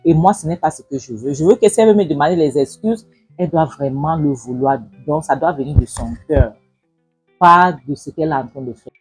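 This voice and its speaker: A woman's voice: low-pitched, a little fast, a little mellow, slightly rough, soft background music, pitched below the performer's own voice. A woman voicing an aggrieved, solemn older village uncle who questions reproachfully.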